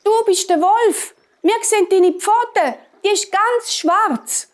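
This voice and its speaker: A woman's voice: very high voice, slow, voice pushed up. A woman with a Swiss German accent voicing a chorus of little goat kids in a storybook tale. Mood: alarmed.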